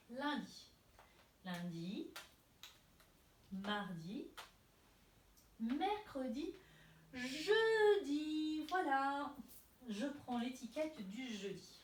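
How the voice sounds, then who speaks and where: A woman teaching a preschool class remotely, greeting children by name and leading a morning wake-up rhyme in a gentle, singsong, encouraging way. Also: takes it slowly, long pauses. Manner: gentle, singsong and encouraging, with a lively rising pitch. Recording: echoey room, distant mic, faint hiss.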